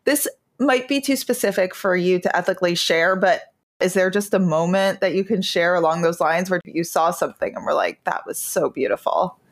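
A woman with a slightly low voice hosts a podcast interview. She speaks casually and conversationally, as an interviewer chatting with a guest. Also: normal speed.

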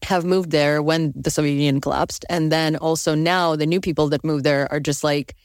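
A young woman from Ukraine hosting a casual interview conversation, animated and quick to laugh. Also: no echo, clean studio sound. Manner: animated, laughs often, rising pitch when excited. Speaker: host.

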